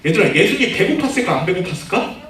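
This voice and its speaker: A man's voice: high voice, sing-song, quick pace, a bit bright. A man, a junior pastor, giving a children's sermon, asking the children questions and leading them in reading aloud. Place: church room. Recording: echoey room, far from the mic, faint noise.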